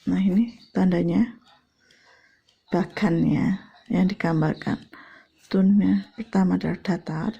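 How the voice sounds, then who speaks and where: A woman teaching a Mandarin lesson, explaining and slowly drawing out example sounds. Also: fairly low pitch, creaky, dark tone, breathy edge. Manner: slow, deliberate, drawn-out demonstrations. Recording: dull lo-fi recording.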